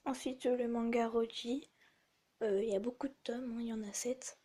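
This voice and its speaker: A teenage girl with a hoarse voice, chatting casually and rambling with many fillers as she shows her collection. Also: fairly high pitch, fairly even intonation, normal speed. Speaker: vlogger. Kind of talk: casual chat. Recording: loud background music.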